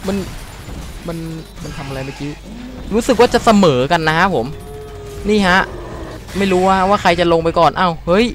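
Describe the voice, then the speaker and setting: A young man hosting a let's play video, commenting on his gameplay casually, swearing and swinging between startled shouts and low mutters. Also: lively intonation, normal speed, pauses often, a little hiss or hum. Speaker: gaming channel host.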